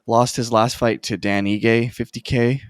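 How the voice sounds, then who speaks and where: A man co-hosting a casual chat, giving his picks in a relaxed, hesitant way with frequent restarts. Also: medium pitch, unhurried, no room sound, studio quality. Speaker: co-host making fight picks.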